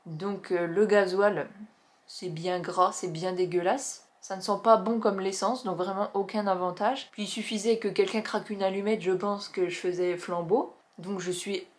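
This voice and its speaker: A young woman talking casually to camera about skincare products she has used up, chatty and enthusiastic, with many filler pauses. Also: medium pitch, steady tone. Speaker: beauty vlogger reviewing finished products. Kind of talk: casual product review vlog.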